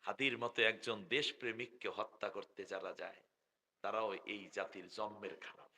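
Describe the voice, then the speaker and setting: Middle-aged bangladeshi guy preaching into a stage mic, loud and joking with the crowd, sharp cutting voice. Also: fairly low pitch, steady tone. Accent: Bangladeshi Bengali. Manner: loud, joking, drawn-out chanting of call phrases. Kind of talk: live sermon with crowd call-and-response. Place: public religious gathering. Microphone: stage microphone through loudspeakers.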